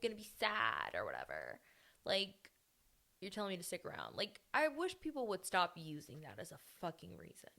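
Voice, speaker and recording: A woman's voice: mid-range voice, vocal fry, fairly bright tone. A young adult woman hosting a podcast, venting bluntly in a candid personal monologue full of swearing. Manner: blunt, heavily profane venting. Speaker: podcast host.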